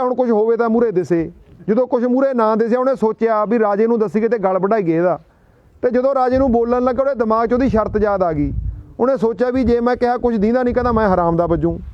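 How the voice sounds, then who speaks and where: A man's voice: very high voice, no room sound, highs cut off. A man with a Punjabi accent addressing a gathering, telling folksy stories and asking rhetorical questions. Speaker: public speaker. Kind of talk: speech to a gathering.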